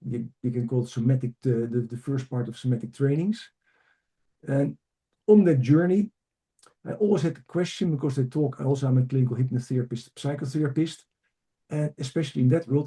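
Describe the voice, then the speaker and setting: This Dutch-accented man, middle-aged and from Amsterdam, is a leadership coach recounting his story to a podcast host in a chatty manner; Dutch is his native language. He speaks a little fast in a warm, mid-range voice.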